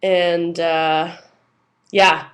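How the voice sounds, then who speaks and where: A woman's voice: fairly low pitch, flat delivery, drawn-out words. A young woman ranting casually about everyday annoyances in an exasperated, conversational and emphatic way. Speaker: vlogger.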